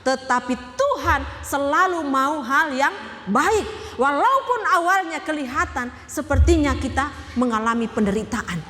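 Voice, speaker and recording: A woman's voice: high-pitched, animated, a little slow, sharp tone, in a large hall. A woman pastor giving a sermon. She speaks emphatically, asks the congregation questions and repeats key phrases.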